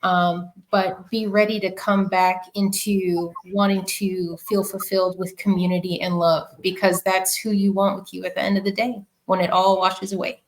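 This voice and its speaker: A woman with a New York accent, a podcast guest giving earnest, measured advice with occasional fillers over an online call. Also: medium pitch, flat delivery, low-quality recording. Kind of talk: interview answers, giving advice.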